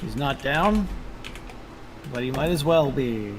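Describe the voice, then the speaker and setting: A game master with a mid-range voice narrates a tabletop session at a slow pace, casually musing over the rules as he goes. The room is noisy with constant background sound.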